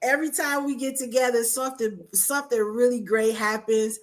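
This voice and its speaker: A woman's voice: a little high, steady tone, fairly quick. A woman hosting a podcast in a casual interview, hyped and encouraging as she talks. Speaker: podcast host.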